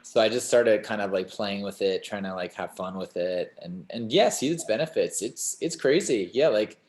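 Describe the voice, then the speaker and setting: With a lowish, darkish voice at a moderate pace, a young male singer-songwriter chats loosely as an interview guest. His rambling is full of "like" and "you know" fillers, and the space sounds echoey.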